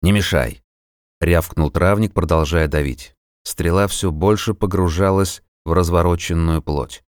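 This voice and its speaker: Deep-voiced man narrating a fantasy audiobook. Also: smooth, dry recording, studio quality. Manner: measured, even storytelling. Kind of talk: scripted narration of a fantasy novel.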